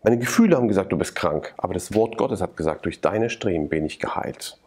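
Low husky German man testifying. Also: animated, a little fast, a little mellow. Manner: earnest preaching cadence with repeated phrases. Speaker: interview guest.

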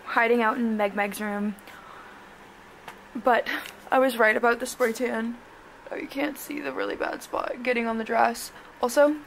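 A woman's voice: a little high, gravelly, fairly bright tone, distant mic. Young woman, bubbly sorority girl, casual get-ready vlog chat, echoey room, faint noise. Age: early 20s. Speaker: college sorority member vlogging. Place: small echoey rooms in an apartment and house. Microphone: handheld or propped vlog camera. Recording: roomy echo, faint background noise.

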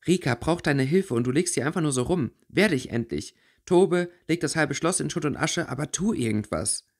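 A man's voice: fairly high pitch, expressive, normal speed, pitched above the performer's own voice. A man voicing a hot-tempered, emotional teenage schoolgirl in a read-aloud fantasy fanfiction audiobook. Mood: shouting angry. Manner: loud, emotional, blunt. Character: fiery, upset teenage schoolgirl. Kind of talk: audiobook character voice.

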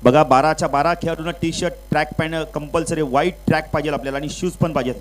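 A man commentates a local cricket match over a public address microphone at an outdoor ground. His voice sits fairly high for a man and climbs louder and higher on every run and wicket, then settles into calmer talk between balls. He drops English cricket terms into his commentary. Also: fast talker, poor audio. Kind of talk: live play-by-play commentary.

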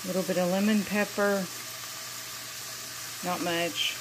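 A woman's voice: on the low side, flat delivery, measured pace, background noise. Woman narrating home cooking. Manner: friendly, explanatory. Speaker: cooking vlogger. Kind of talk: casual cooking vlog narration. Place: home kitchen, indoors.

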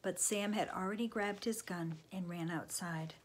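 A woman reading a children's book aloud, expressive, often dropping into a hushed whisper. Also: lowish voice, normal speed, a little hiss or hum. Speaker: storybook reader.

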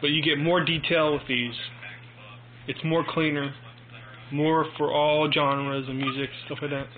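A young man giving a casual, rambling product review in a phone video, halting and informal, recorded on a handheld phone in a room at home. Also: fairly high pitch, flat delivery. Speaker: amateur headphone reviewer. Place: small domestic room, indoors. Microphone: handheld phone mic. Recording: tinny phone recording with clear noise.

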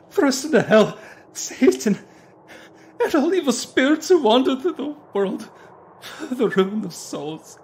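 A woman's voice: medium pitch, darkish tone, slight background noise. A woman voicing a brave, trembling priest who rebukes and prays in a fervent, declamatory way.

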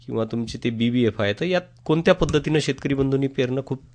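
A man's voice: medium pitch, fast, a little mellow. A man hosting a radio interview, asking long, summarising questions of an expert guest. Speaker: radio programme host.

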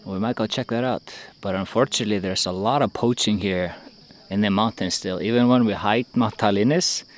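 A young man vlogging with a handheld camera outdoors, talking in a chatty, excitable way and laughing often. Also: lowish voice, normal speed. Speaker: travel vlogger. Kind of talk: casual travel vlog narration. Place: outdoors in rural hills and an open-air bamboo restaurant. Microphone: handheld action camera at arm's length.

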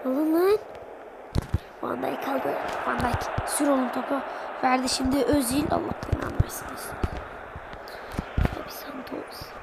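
A teenage boy with a high voice talks over his football video game, calling out players' names and swearing when the game goes wrong. His commentary is casual and excitable. A loud noise bed sits under his voice throughout the recording. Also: measured pace, vocal fry, pauses often. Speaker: gaming vlogger.

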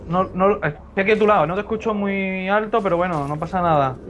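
A young man chats rapidly and in a high voice while playing co-op with a friend. He fusses over sound levels, and a faint noise sits behind him. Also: a bit bright, dull audio. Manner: rapid, chatty, complaining about audio levels. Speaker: gameplay co-host. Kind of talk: casual co-op gameplay chat.

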